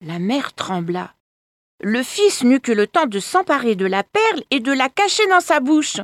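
A woman storyteller reading a folk tale aloud with expressive delivery, addressing her listeners directly. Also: sits high, measured pace, no echo. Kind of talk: scripted narration of a folk tale.

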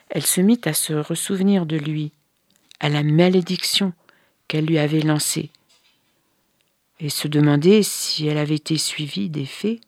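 A woman reading a folk tale aloud in a calm, measured way. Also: sits low, no echo, clean studio sound. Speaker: storyteller.

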